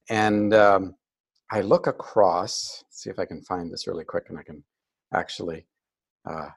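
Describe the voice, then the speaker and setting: An older man, a guest on a video call, telling a story casually and acting out the voices of people he quotes. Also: on the low side. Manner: animated, acts out quoted voices. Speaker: interview guest.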